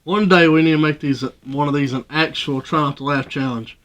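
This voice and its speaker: A man co-hosting a reaction video, dropping laid-back, deadpan jokes in casual chat. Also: a little high, brisk.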